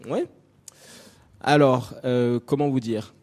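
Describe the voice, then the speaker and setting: A man's voice: mid-range voice, steady tone, slow pace, a little mellow. A young adult man from France giving a personal talk to an audience, direct and chatty with many fillers. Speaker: invited speaker. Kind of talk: conference talk on stage.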